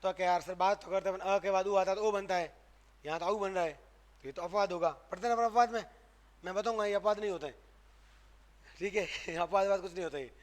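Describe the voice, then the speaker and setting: A man's voice: high voice, quick pace. A man teaching grammar to a live class. He keeps firing questions at the students and answers them himself, stressing and repeating sounds to show how they are spoken. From Rajasthan, India. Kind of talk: classroom lecture.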